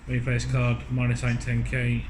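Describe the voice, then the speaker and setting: A man's voice: mid-range voice, fairly quick. A man giving casual, matter-of-fact commentary and reading out the text of game cards. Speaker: card game box opening co-presenter. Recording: steady background hum and room noise.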